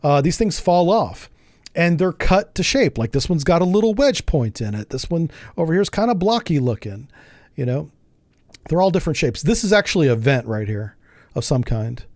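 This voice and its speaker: A man streaming a game, chatting casually with his viewers, joking, laughing often and thinking out loud. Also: on the high side, sing-song, moderate pace, no room sound, studio quality. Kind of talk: casual live gameplay commentary.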